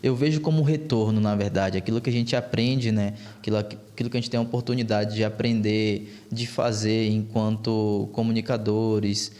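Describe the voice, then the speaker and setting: A man's voice: lowish voice, steady tone, moderate pace, few pauses, mellow. A man in his twenties with a Brazilian Portuguese accent, an interviewer who keeps affirming his guest with short agreements. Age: 20s.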